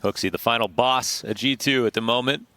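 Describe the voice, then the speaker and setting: A man's voice: mid-range voice, fairly quick, pushed and bright, no echo. A man giving analytical esports commentary in a conversational tone as the co-caster.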